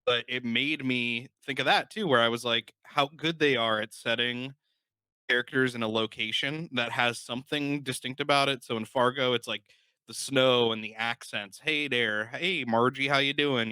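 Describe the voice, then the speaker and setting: A man's voice: medium pitch, pushed and bright, smooth, dry recording, poor audio. A man co-hosting a podcast, talking casually and rambling about a film with many "like" fillers. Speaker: podcast co-host.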